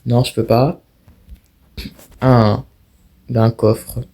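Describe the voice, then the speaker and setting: Speaking extremely slowly, this young man has a medium-pitched, creaky, somewhat mellow voice with little pitch movement. He's a gaming YouTuber doing a casual let's-play of a horror game, and he comes across as jumpy and restless while addressing both himself and his audience.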